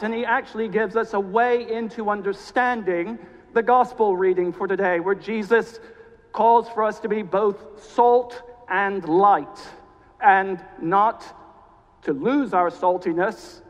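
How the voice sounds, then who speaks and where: Speaking from the pulpit as a guest, a cathedral canon originally from South Carolina, USA, sounds jet-lagged, his voice sitting high. His mid-Atlantic accent mixes Southern American with British, and his manner is warm, measured and drily funny. The audio is dull, with a church's lingering reverb.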